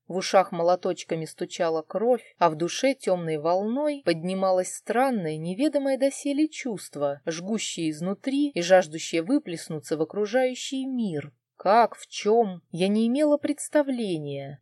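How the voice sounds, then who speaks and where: A woman narrating a fantasy novel in the first person, with expressive storytelling. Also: mid-range voice, dry recording. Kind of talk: audiobook reading.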